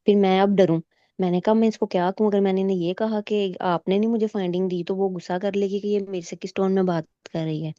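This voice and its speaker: A woman tells her story in lively casual speech, acting out what the examiners and she herself said. Her voice is mellow and darkish. The video call sounds dull, lo-fi and dry. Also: mid-range voice, quick pace, no echo. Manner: animated retelling, quoting examiners and herself; mixes English medical terms into her talk. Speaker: exam candidate sharing her experience. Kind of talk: casual storytelling in a recorded meet.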